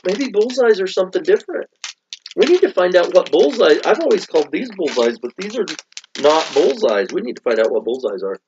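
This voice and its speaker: A man's voice: sits high, sing-song, brisk, darkish tone, lo-fi sound, slight background noise. A man casually chatting as co-host of a candy review, describing flavors in detail while chewing. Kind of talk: casual chat.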